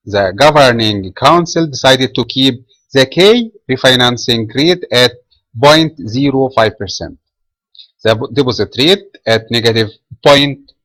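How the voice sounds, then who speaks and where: A man from Egypt, a trading trainer, reading a market commentary webinar from a script in a measured way with small filler pauses. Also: mid-range voice, a bit bright, no echo, low-quality recording.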